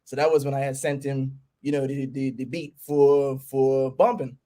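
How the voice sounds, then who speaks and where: A man's voice: mid-range voice, fairly even intonation, moderate pace, dark tone. A man with a Bermudian accent telling a story casually as a DJ and producer guest on a talk show. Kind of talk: casual interview chat, storytelling.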